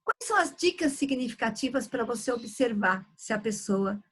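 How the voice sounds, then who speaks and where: Casting: woman trainer, airy high voice, instructive workshop delivery. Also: expressive, normal speed, husky. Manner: instructive, frequent "tá?" check-ins. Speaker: communication trainer. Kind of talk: live online workshop.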